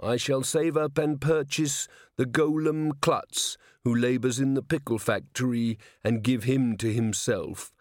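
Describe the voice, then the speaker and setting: A man voicing a literal-minded male clay golem constable who speaks in slow, measured, deliberate phrases. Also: mid-range voice, steady tone, darkish tone, no room sound, clean studio sound, lightly acted. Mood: earnest.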